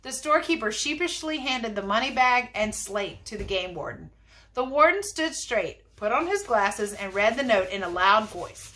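A woman's voice: fairly high pitch, animated, normal speed, bright, forceful tone. A woman, a teacher, reading a children's novel aloud expressively, with chatty asides.

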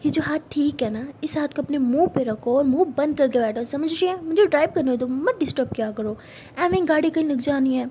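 A woman's voice: sits high, a little fast, dark tone, slight background noise, natural voice. A woman voicing an affectionate young woman who teases her partner playfully. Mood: teasing. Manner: playful teasing.

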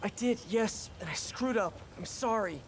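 A man's voice: high voice, normal speed, slight background noise, natural voice. An actor voicing a quippy, self-deprecating young male superhero in a video game. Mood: regretful. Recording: game music behind the voice.

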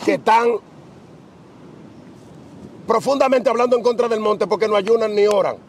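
A man's voice: high-pitched, moderate pace, a little hiss or hum. A middle-aged man preaching outdoors on a beach, asking rhetorical questions with emphasis. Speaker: preacher being interviewed. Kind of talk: preaching conversation.

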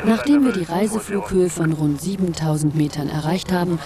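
A woman's voice: lowish voice, a little fast, a crowd in the background. A woman reading scripted documentary narration as a voice-over. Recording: clear aircraft noise behind narration. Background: aircraft and airport ambience.

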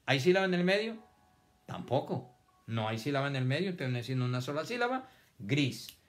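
A man teaching children reading and spelling online. He dictates words slowly, splits them into syllables and praises his pupils. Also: medium pitch, big pitch swings.

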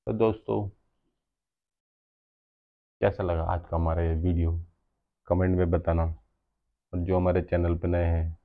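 A man from India, loud and defiant, arguing with his wife in a staged prank. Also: sits low, flat delivery, slow pace, pauses often, phone-quality sound. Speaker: prank video host.

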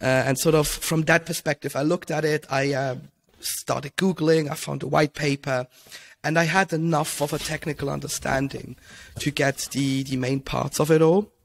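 Young Swiss man, gravelly voice, rambling. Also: fairly high pitch, steady tone, normal speed. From Switzerland. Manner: rambling, many ums and restarts. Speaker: podcast guest. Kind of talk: casual interview talk. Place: home room, indoors. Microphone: headset with mic.

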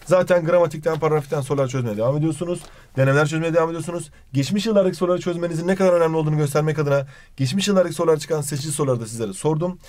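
A young man teaching an exam-prep grammar lesson, quickly asking and answering his own questions, recorded close and dry. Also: on the high side, a little mellow, no room sound.

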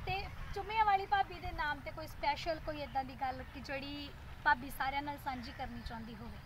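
A woman's voice: sits high, quick pace. A woman, hosting an interview outdoors. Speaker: interviewer and host. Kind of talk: on-location interview. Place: outdoors in a leafy park. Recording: noisy outdoor recording.

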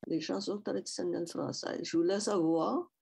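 An older guest speaker from Saskatchewan, Canada, with a Métis French accent from western Canada, shares a personal talk at a public event over a headset mic on a video call from a small room at home. Her voice is on the low side, steady, creaky, dark and slightly rough, and she speaks slowly and reflectively with restarts and repetition.

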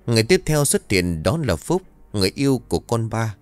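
A man reading a scripted ghost story aloud in a dramatic, expressive way. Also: lowish voice, fairly quick, no echo, soft background music.

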